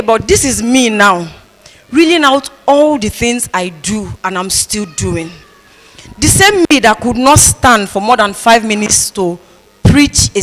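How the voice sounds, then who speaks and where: Speaking in a conference hall whose long reverb fills the recording, a female pastor tells funny stories and repeats lines to drive her points home. Her voice is medium-pitched and fairly bright.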